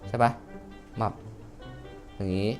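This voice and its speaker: A young man, giving excitable let's play commentary and shouting and cursing at the game. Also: slow pace, faint music behind. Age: young adult. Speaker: gamer.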